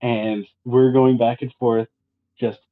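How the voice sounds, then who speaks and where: A man's voice: mid-range voice, fairly even intonation, unhurried. A man telling a story in casual chat, laughing and easygoing. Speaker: podcast guest. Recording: tinny phone-like line.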